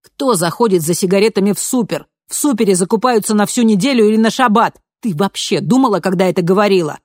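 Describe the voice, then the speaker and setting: An audiobook reader voicing a stern, irritable man with a high voice who snaps and threatens slowly. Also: dry recording, clean studio sound, close to an everyday voice. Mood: irritated. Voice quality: high male voice. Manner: stern, snapping, slow threats. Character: stern irritable man, gang fixer, menacing. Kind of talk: audiobook character voice.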